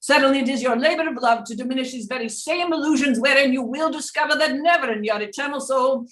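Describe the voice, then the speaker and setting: A woman's voice: high voice, fast, fairly bright tone, pitched above the performer's own voice. Seance medium role: exalted male spirit doctor played by a woman, raised declamatory voice, formal benedictions, roomy distant sound. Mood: exalted, benevolent. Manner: declamatory, preacherly, archaic formal phrasing. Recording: roomy, distant microphone on internet call.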